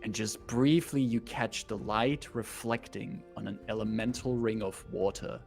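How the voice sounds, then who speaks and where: A man narrating as game master of a tabletop role-playing game in halting, improvised phrases. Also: lowish voice, steady tone, gravelly, darkish tone, soft background music.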